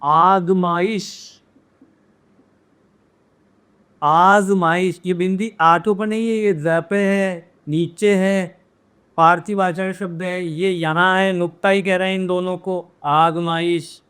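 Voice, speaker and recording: A man teaches a grammar lesson in a smooth, resonant voice that sits a little high for a man. He drills pronunciation, saying words slowly and repeating them, and keeps checking in with his viewers. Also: level tone, a bit bright. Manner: addresses viewers directly with frequent "है ना?". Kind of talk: classroom-style grammar lesson.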